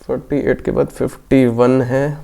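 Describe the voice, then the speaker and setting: An exam prep teacher with a medium-pitched, dark voice speaks flatly with vocal fry. He works through exam questions in a Hindi lesson, reading each one slowly, explaining the answer, and often checking in with "theek hai."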